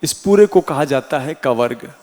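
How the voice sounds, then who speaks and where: A man teaching a Hindi class in a slow, deliberate way with a Rajasthani accent, sounding out each letter one by one. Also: on the high side, lively intonation, a little mellow. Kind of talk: classroom lecture. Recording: reverberant room sound.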